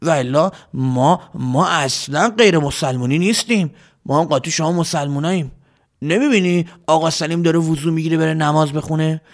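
A man's voice: on the high side, voice pushed up, natural voice. A man doing a stammering young villager. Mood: defensive. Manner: stammering, hesitant. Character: naive young village man, earnest and defensive.

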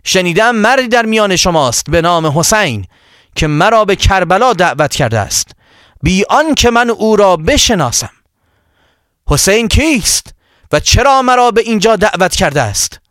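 Proud young warrior, loud and proclaiming, pitched up, as a storyteller puts him on. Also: male voice, big pitch swings, no room sound, clean studio sound. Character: bold young man proudly announcing himself.

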